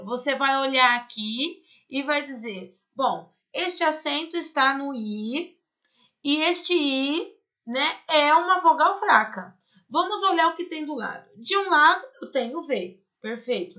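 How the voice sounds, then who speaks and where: A woman's voice: high-pitched, pushed and bright, dull audio. A woman teaching a Spanish class, explaining step by step and checking in with her students. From Brazil. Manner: explains patiently, asks rhetorical questions and checks in with "certo?" and "né?". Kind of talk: recorded online class.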